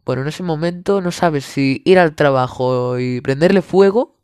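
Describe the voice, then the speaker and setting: A young Spanish-accented man from Spain riffs through a comedic monologue, sarcastic and over the top, swearing freely. His voice sits somewhat high for a man. The sound is dry and close with no room to it. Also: normal speed, a little mellow, clean tone, no echo.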